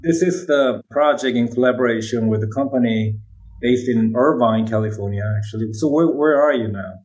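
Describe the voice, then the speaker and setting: In dull-sounding audio, a Korean-accented man, whose native language is Korean, talks through brain research in an interview. His mid-range voice is a little mellow and moves at a moderate pace, and his explanations are regularly punctuated by "right?"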